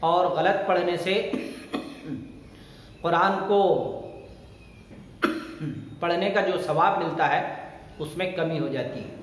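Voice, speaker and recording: A male teacher leading a Quran recitation lesson, chanting verses slowly and then explaining quickly. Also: sits high, a bit bright, slight background noise. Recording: very echoey room with long reverb.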